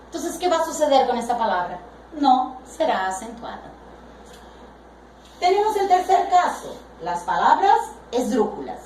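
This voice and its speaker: A woman teaching a grammar lesson, speaking deliberately and stretching out the example words she stresses. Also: sits high, darkish tone, slight background noise. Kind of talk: slow explanatory Spanish grammar lesson. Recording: echoey room, voice from a distance.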